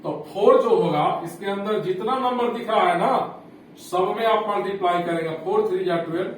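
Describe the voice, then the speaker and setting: A man with a fairly high voice works through a maths lesson, going step by step and asking questions back to his class. He sounds some way from the microphone, and the room rings with strong echo. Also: normal speed. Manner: explains step by step, repeats and asks rhetorical questions. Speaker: maths teacher. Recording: echoey room, heard from a distance, faint hum.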